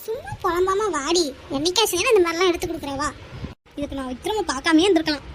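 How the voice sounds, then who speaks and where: A woman voicing a group of young women in an animated cartoon, bickering and teasing each other. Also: very high-pitched, fast, a little hiss or hum. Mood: quarrelsome. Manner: quarrelsome, teasing. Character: young women friends bickering with office bullies.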